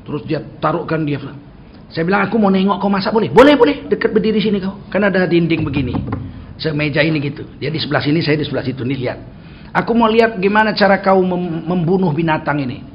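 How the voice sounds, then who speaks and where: A man's voice: fairly high pitch, quick pace, highs cut off, a little hiss or hum. A man preaching a sermon in a mosque, telling stories and acting out dialogue. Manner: storytelling, acting out dialogue with lively shifts.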